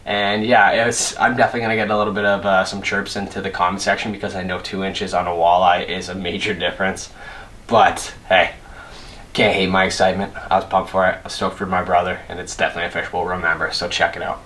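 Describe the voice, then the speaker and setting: Young male fishing vlogger, deep voice, laid-back and chatty to camera. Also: quick pace. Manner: relaxed, chatty, self-deprecating. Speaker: fishing channel host. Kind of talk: casual direct-to-camera intro.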